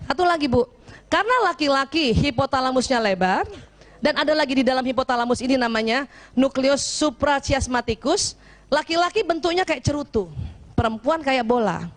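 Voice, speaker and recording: A woman from South Sulawesi giving a lively marriage advice talk to a women's gathering, teasing and acting out little scenes while often checking in with her listeners. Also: sits high, normal speed. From Bugis, South Sulawesi.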